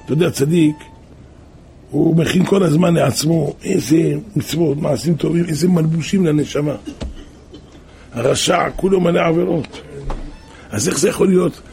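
Brief: male preacher, folksy storyteller, gravelly voice, faint noise behind. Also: fairly high pitch, pauses often. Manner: animated folksy storytelling with rhetorical questions. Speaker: religious preacher. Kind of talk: parable storytelling sermon.

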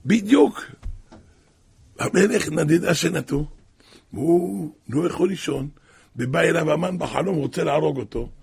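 A man telling a religious story in an animated way, leaping to high exclamations and then sinking to a hush. His voice is gravelly with a husky rasp, and it sits a little high. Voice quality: gravelly, raspy. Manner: dramatic, with sudden high exclamations and hushed drops.

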